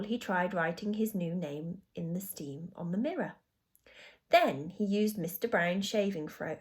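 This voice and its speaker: A woman teacher reads a children's story aloud, shaping each sentence with care. Her pitch moves in a lively, expressive way.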